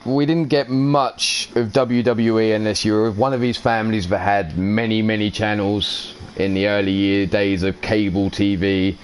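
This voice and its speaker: A man with a brash, profane manner, answering an in-character interview as a wrestler and chuckling now and then. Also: fairly low pitch.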